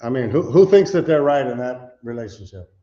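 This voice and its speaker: A middle-aged man delivers a conversational teaching sermon with slides, his mid-range voice mellow, brisk and very animated. He preaches loosely, often saying "you know" and putting questions to a responsive audience in a church meeting room. The recording is dull and lo-fi.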